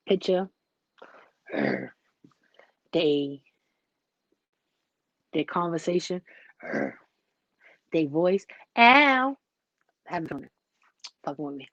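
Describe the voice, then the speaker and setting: A woman's voice: low-pitched, dry recording, muffled recording. Chatty woman in a casual vlog. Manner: chatty, animated storytelling with lots of "like".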